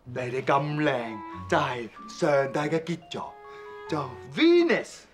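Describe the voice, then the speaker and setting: An actor playing an excitable young man in a comedy film, scolding in an animated way. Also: fairly high pitch, takes it slowly. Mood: flattering. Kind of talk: Cantonese film acting. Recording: film clip with loud music.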